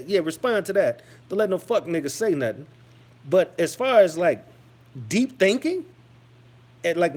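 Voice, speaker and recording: A man delivering a heated, mocking, profane rant as a vlogger, often stumbling and repeating phrases. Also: sits high. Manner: heated, mocking, swears constantly; stammering restarts and repeated phrases. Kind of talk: profane ranting commentary.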